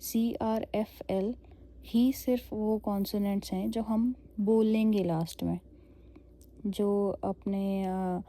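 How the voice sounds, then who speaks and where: Dark-voiced woman teaching slowly. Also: mid-range voice, fairly even intonation. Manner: explains patiently, mixing Hindi and English, frequent "okay?"; spells words out letter by letter. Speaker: French teacher. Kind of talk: online language lesson.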